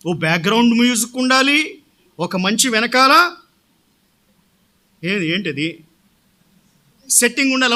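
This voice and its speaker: A man's voice: very high-pitched, pushed and bright. A male pastor preaching a sermon, often putting questions to the congregation and answering them himself.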